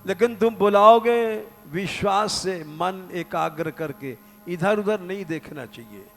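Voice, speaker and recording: A man's voice: high-pitched, slow, faint music behind. An older man, preaching a devotional story earnestly in a temple hall. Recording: live hall reverb, faint ambience.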